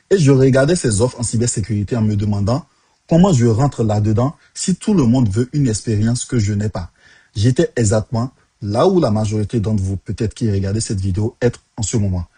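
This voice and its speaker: Husky man with an African French accent. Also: lowish voice, dark tone, dry recording. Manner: punchy, emphatic, addresses the viewer directly. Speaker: tech career coach. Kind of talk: direct-to-camera advice talk.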